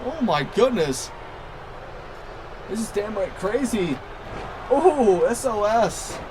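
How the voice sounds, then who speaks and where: Male wrestling commentator, high voice, excited play-by-play, exclamatory, repetitive calls, some background noise. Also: slow. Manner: exclamatory, repeats phrases for emphasis.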